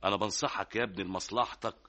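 A man's voice: on the low side, steady tone, racing, pushed and bright. An actor playing a fatherly older Egyptian man giving earnest advice in a radio drama, with an Egyptian Arabic accent. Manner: earnest, paternal. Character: fatherly older hajj advising a young man. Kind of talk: 1960s radio drama acting.

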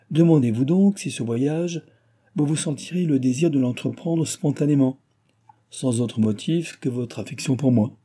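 Male reader doing an impatient, warm-hearted heir in an audiobook: husky and pressing. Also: mid-range voice. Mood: pleading. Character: impatient, excitable male heir, warm toward his friend.

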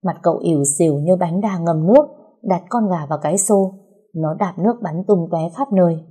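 A woman tells a dramatic story in a vivid, expressive way. Her voice is low, mellow and husky. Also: a little fast.

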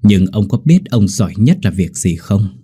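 A man's voice: on the low side, moderate pace, warm tone, breathy edge. A man voicing a cold, mocking young male servant bent on revenge. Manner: cold and sneering.

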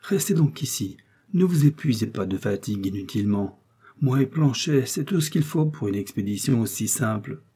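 A man's voice: medium pitch, lively intonation, normal speed, warm tone, slightly rough. A man reading an urgent young swordsman. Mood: persuasive. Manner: urgent, exclaiming. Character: fearful excited young male swordsman.

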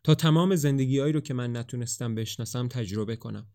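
A proud young woman who answers curtly, read plainly by a male narrator. Her lines are short and dismissive, delivered at a middle pitch. It is a storybook reading with little put-on voice. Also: dark tone, lightly acted. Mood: dreamy. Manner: curt, dismissive, then dreamy.

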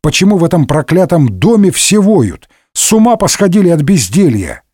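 A man's voice: fairly high pitch, sing-song, measured pace, dry recording, clean studio sound, voice pushed up. A man voicing a hot-tempered, sarcastic middle-aged swordsman in a comic audiobook, barking insults and mocking his friend. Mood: irritated, scolding. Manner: brusque, mocking, shouting insults.

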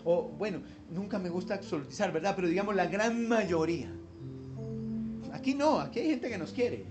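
A man's voice: high voice, expressive, normal speed. A man preaching a sermon as pastor, emphatic and conversational, with wry asides, over background music.

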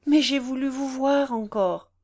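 A woman's voice: mid-range voice, slow, darkish tone. Woman voicing a distraught noblewoman, breathless and pleading.

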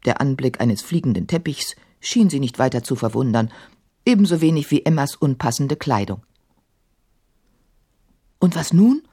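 A woman narrating a children's story with an expressive, playful reading. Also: a bass voice, slightly rough.

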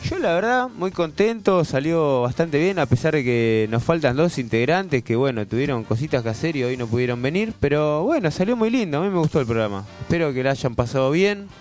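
A man with an Argentine accent hosts a casual community radio program and passes the talk to his co-hosts. His voice sits a little high. Soft music plays underneath. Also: big pitch swings, a little fast, few pauses. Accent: Argentine Spanish. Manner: leads the show, hands off to co-hosts. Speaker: radio show host.

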